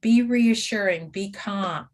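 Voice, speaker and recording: A woman's voice: mid-range voice, slow pace. A woman teaching caregivers in a training webinar, steadily listing do's and don'ts.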